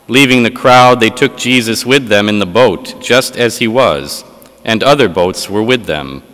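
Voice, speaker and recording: A man's voice: on the low side, measured pace, fairly bright tone. A man, a priest, reads the gospel and then preaches a homily with frequent filler sounds, his voice ringing in a large church. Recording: long church reverb.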